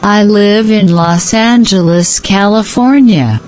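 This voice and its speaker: A woman giving slow, scripted answers in a repeated language-practice dialogue. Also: medium pitch, darkish tone, a little hiss or hum, low-quality recording.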